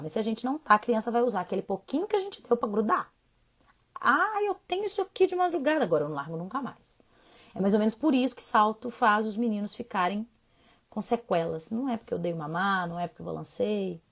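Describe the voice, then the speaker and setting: A woman, a child sleep doctor chatting casually through a live Q&A, animated and talkative. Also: medium pitch, fast talker. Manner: animated, chatty, swinging between soft asides and emphatic bursts. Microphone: phone mic on a social media live stream.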